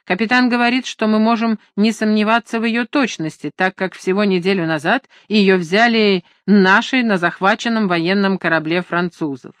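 A narrator voicing a practical gentleman who speaks plainly and to the point. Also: medium pitch, fairly even intonation, moderate pace, hardly any pauses, dry recording, natural voice. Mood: businesslike.

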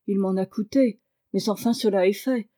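A woman voicing a gentle cursed prince who lives as a wild boar, in an earnest, pleading manner. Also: medium pitch, moderate pace, lightly acted. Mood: resigned. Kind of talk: read-aloud fairy tale.

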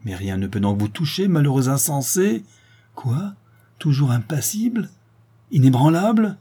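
An aristocratic mother in distress, declaiming and pleading with rising, lifted tones, as a man reading the story puts her on. The pitch sits higher than his own low, husky voice, yet keeps its dark, mellow grain. A storybook duchess full of wounded pride. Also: sing-song, brisk. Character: proud, desperate noblewoman, a mother pleading. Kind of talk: audiobook reading.

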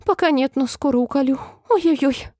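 Storybook queen, old and fretful, very high wailing voice, voiced by a woman narrator; dry, mellow read. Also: a little fast, no room sound, close to an everyday voice. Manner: wailing, squealing cries, then oddly calm.

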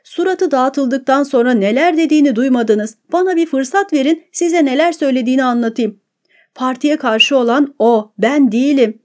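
A woman's voice: sits high, moderate pace, lightly acted. A woman voicing a frantic begging prisoner. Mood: frantic accusing. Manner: frantic pleading, shouting. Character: gaunt terrified male prisoner, begging.

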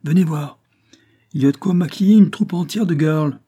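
A man's voice: medium pitch, a little fast, mellow, breathy edge, voice pushed up, close to an everyday voice. A man doing a brusque police officer. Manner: brusque and pushy.

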